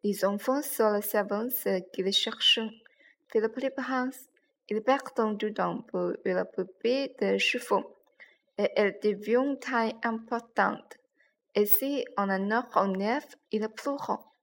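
A woman reading a children's story aloud, slowly and carefully, with gentle pauses. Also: mid-range voice, vocal fry. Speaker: reader. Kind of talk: slow read-aloud storytelling.

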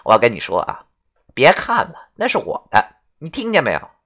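A woman voicing a lecherous, rowdy old male ghost who blusters loudly and swears. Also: a bass voice, sing-song, moderate pace, full character voice. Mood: wheedling. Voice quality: swaggering, foul-mouthed, loud bluster. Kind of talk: audio drama acting.

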